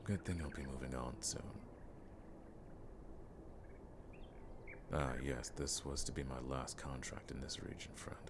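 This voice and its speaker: A man plays a seasoned monster hunter in a fantasy audio roleplay, speaking in an extremely low, very deep, gravelly voice that stays fairly flat. He's measured, wry and world-weary yet friendly and relaxed, using old-fashioned turns of phrase. Clear background ambience sits behind him, and the background is noisy.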